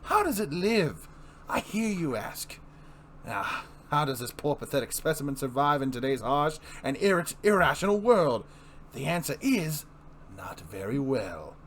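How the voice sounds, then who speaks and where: A theatrical, mad clown villain from a comic book, acted out by a man. He taunts and mocks like a bitter fairground showman, with swooping, highish delivery. Light noise sits behind the voice. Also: big pitch swings, a little slow, a bit bright. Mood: mocking showman. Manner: grandiose showman delivery, mocking, swooping emphasis. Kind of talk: dramatic reading of comic book dialogue.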